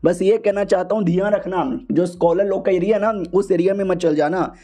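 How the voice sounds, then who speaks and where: A man's voice: high-pitched, fairly quick, mellow, natural voice. A man voicing a stern old village headman and grandfather, scolding and lecturing.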